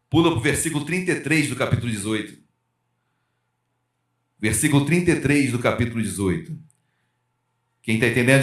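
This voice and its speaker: A man from Rio de preaches to his congregation, his voice sitting a little high for a man. He keeps calling for amens, pushing some phrases out loud and letting others sink nearly to a murmur. The sound rings around a roomy church hall. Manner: calls out to the congregation for amens, rises and drops sharply in loudness. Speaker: pastor. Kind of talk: sermon.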